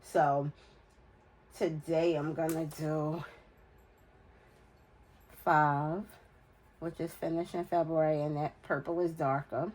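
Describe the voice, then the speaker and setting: Congested with a cold, an American woman in her forties who vlogs about budgeting talks in a nasal, low-pitched, slightly mellow voice with little pitch movement. She goes slowly and pauses often, counting aloud under her breath as she casually fills in budget challenges. The audio is poor.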